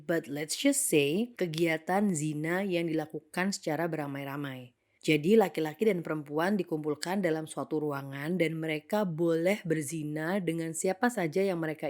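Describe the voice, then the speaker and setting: A woman's voice: low-pitched, darkish tone. A young woman narrating a scripted reflective monologue in an earnest, thoughtful way, switching now and then into English phrases.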